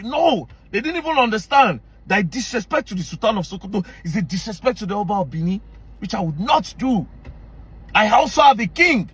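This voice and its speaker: A man's voice: sits high, fairly bright tone, slightly rough, no room sound. A man with a Nigerian accent delivering a heated, confrontational rant to camera, mixing Pidgin into his English. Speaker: online commentator.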